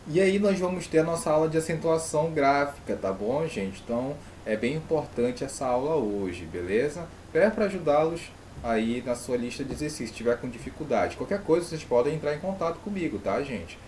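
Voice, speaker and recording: A man's voice: on the high side, lively intonation, a little fast, hardly any pauses, a little mellow, a little hiss or hum. A man with a Brazilian Portuguese accent, teaching an online grammar lesson and putting rhetorical questions to his pupils.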